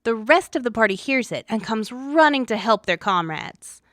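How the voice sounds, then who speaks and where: A woman's voice: fairly high pitch, expressive, moderate pace, heavy background noise. A woman hosting a story show, reading a scripted narration of a tabletop adventure in a wry, dramatic way. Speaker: story podcast host.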